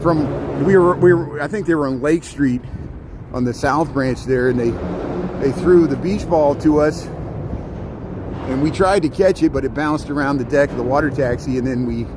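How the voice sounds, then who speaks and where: Man, slightly high voice, rambling casual livestream chat, halting with repeated words, noisy outdoor riverwalk. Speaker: live streamer. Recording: outdoor livestream with clear city noise.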